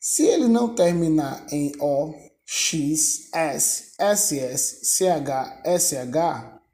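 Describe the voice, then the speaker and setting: Brazilian teacher, unhurried and patient, repeats word lists for the class. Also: mid-range voice, expressive, mellow. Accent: Brazilian Portuguese. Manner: patient, drills word lists, asks rhetorical questions. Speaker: English teacher. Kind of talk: video lesson explaining verb conjugation.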